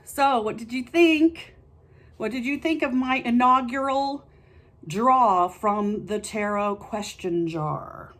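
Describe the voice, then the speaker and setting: This time the tarot reader's voice is a little high, and she takes things slowly. She hosts a casual explanatory video, chatting to camera and thinking out loud in a conversational style with light self-mockery while doing the reading.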